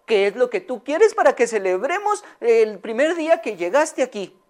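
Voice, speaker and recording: A woman's voice: fairly high pitch, very animated, moderate pace, voice pushed up. A woman voicing a doting older lady who talks sweetly and coaxingly to her pet hen in a children's story.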